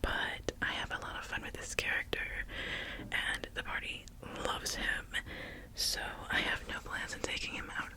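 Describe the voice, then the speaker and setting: An ASMR creator chatting in a soft, breathy whisper, with gentle pauses between phrases. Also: poor audio.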